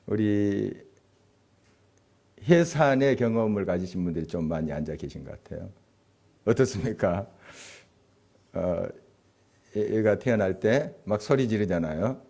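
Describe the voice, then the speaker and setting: A man's voice: lowish voice, expressive, unhurried, vocal fry, long pauses, warm tone. A male pastor giving a conversational sermon, asking the congregation questions and chuckling as he speaks. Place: church sanctuary.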